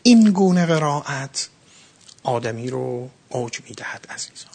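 A middle-aged man giving a religious lecture on the Quran, earnest and emphatic, with sudden rising bursts and slow, stressed phrases. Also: medium pitch, lively intonation, gravelly, darkish tone, a little hiss or hum.

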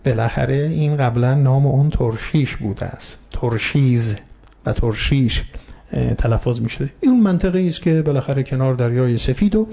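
A man gives a sermon in a dark, mellow voice, explaining patiently and turning to his listeners with polite address. Now and then he recites Arabic verses. The recording is dull and lo-fi. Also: medium pitch, vocal fry, few pauses. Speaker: preacher. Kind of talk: sermon on Quranic story. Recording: muffled lo-fi recording.

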